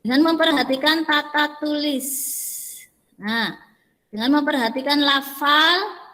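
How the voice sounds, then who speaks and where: A woman teacher speaks slowly and patiently to her online class, often modelling how words should sound. Her voice is somewhat high. A long reverb trails after her words. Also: sharp tone. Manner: patient, explains step by step, models intonation. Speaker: Indonesian language teacher.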